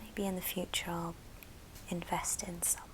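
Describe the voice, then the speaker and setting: With a lowish, level-toned voice, a woman whispers breathily and without voicing as she gently presents items in an ASMR show and tell. As the video's host, she pauses between short phrases. The audio is poor.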